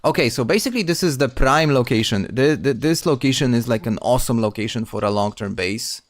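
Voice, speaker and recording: A man's voice: mid-range voice, lively intonation, brisk, no room sound. A man casually commenting on his gameplay stream, chatting with viewers and often restarting words.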